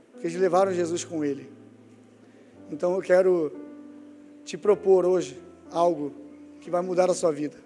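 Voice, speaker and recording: High-voiced male preacher in a reverberant church. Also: a little mellow. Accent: Brazilian Portuguese. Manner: storytelling, emotional, calls to the congregation. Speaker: evangelist preacher. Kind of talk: sermon. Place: church sanctuary. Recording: long church hall reverb.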